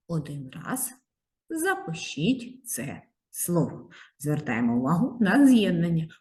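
A woman teaching young children to write letters, her lowish voice rising and falling in a lively sing-song. She speaks slowly and stretches out each sound so the little ones can follow. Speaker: primary school teacher. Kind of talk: handwriting lesson for young children.

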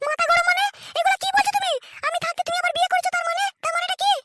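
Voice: very high-pitched, little pitch movement, very fast, heavy background noise. A performer voicing a furious, betrayed adult wife in a cartoon who scolds and swears at her husband. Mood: indignant.

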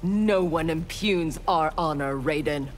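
In intro banter for a fighting game, an actress voices an armored clan warrior woman who is stern, cold, clipped and menacing. Her voice sits low and moves at a slow pace, with music behind it in the game audio.

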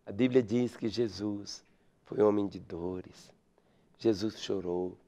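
A man preaching a radio sermon, swinging between loud fervent pleading and hushed, almost whispered lines. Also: on the low side, takes it slowly. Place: radio studio.

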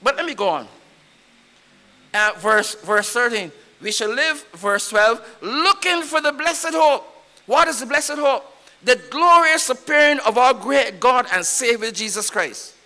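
A Barbadian man preaching in a church with a very high, bright voice. He presses his points hard and repeats them, swelling louder as he drives them home. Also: lively intonation, unhurried. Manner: emphatic preaching with repetition and rising volume. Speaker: pastor. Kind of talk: sermon.

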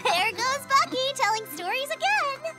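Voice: very high-pitched, sing-song, normal speed, music in the background. An actor doing a chirpy little girl fox. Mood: cheerful. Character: curious, sweet young female fox. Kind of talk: cartoon voice acting.

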